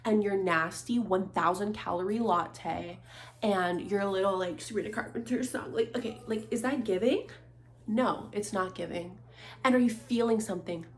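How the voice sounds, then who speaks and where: A woman in her twenties ranting in a casual monologue, sarcastic and animated, saying "like" constantly. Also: mid-range voice, moderate pace. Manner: animated, sarcastic, heavy use of "like". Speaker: vlogger.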